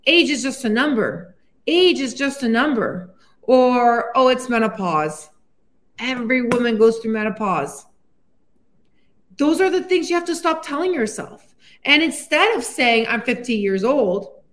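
High-voiced upbeat woman coach. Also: a bit bright. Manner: upbeat, encouraging, speaks directly to the listener. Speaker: weight loss coach and podcast host. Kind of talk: solo motivational podcast talk.

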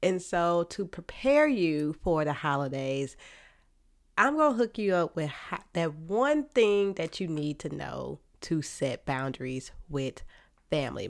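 An American woman with a slightly nasal, stuffed-up sinus voice, giving casual, direct advice as a podcast host and therapist. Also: deep voice. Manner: informal, direct, folksy turns of phrase.

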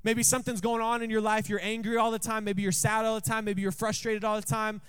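A man's voice: sits high, completely flat delivery, quick pace, fairly bright tone, clear, resonant tone. A man preaching a sermon in a church, telling a story with jokes and often asking the congregation questions. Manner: jokey, asks the room questions often.

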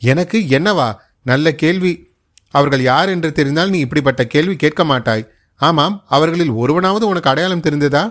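A man's voice: a little high, normal speed, fairly bright tone, voice pushed up, natural voice. A man doing a frantic, agitated young man.

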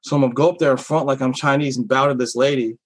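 A man's voice: mid-range voice, fairly even intonation, fast talker, rough recording. A man who works as a comedian talks candidly in an interview, rambling with many fillers and restarts. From Philippines heritage. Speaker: comedian guest. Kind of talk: casual interview talk.

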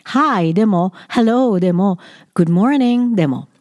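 Lively, blunt-talking woman. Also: mid-range voice, slow, dry recording, studio quality. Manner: frank, blunt, lightly teasing. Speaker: study-abroad commentator. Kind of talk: casual advice monologue.

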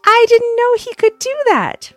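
Woman reader playing a tiny, eager storybook girl, pitched up high. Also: very animated, measured pace, dry recording, faint music behind, full character voice. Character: small excited little girl.

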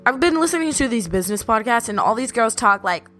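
A woman's voice: fairly high pitch, animated, fast, a bit bright, soft background music. A young woman telling personal stories casually as a podcast host, with a valley-girl way of talking full of "like". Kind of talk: casual personal storytelling monologue.

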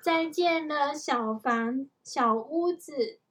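A woman reading a storybook aloud, voicing a lively, adventurous little girl in a raised, sing-song tone. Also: high-pitched, very slow, slight background noise, pitched above the performer's own voice. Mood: playful.

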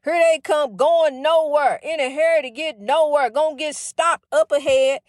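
A woman's voice: high voice, fairly even intonation, normal speed, no echo, studio quality. A middle-aged woman giving a casual spiritual pep talk, fervent, calling the listener honey with lots of you-knows. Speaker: inspirational speaker.

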